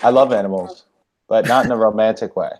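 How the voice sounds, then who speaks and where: A man's voice: on the low side, a little fast, a little mellow. A young man chatting as a guest on a casual hangout, rambling and hesitant with lots of fillers. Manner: rambling, hesitant, self-conscious.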